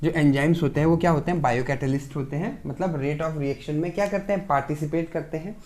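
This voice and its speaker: A male lecturer patiently explains a science topic to his students. He keeps asking questions and answering them himself, and pauses often to confirm they have understood. The technical vocabulary comes through as English terms woven into his sentences. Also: a little high, a little mellow. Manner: asks rhetorical questions and keeps checking in with "okay". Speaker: pharmacy lecturer.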